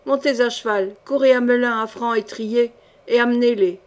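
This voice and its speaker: A woman reading a gruff, furious medieval duke. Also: on the high side, steady tone, normal speed, a little mellow, close to an everyday voice. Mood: commanding. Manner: gruff, curt orders. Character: brusque, furious medieval duke commanding his men.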